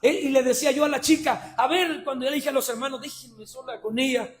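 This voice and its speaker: High-pitched preacher shouting a sermon. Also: male voice, fairly even intonation, quick pace, faint music behind. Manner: swings between shouted passionate preaching and low conversational asides.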